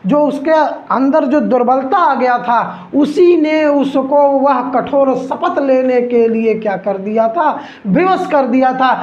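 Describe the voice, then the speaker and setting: A male teacher slowly explaining an exam lesson, repeating lines and calling his students son. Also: very high-pitched, roomy sound, lo-fi sound.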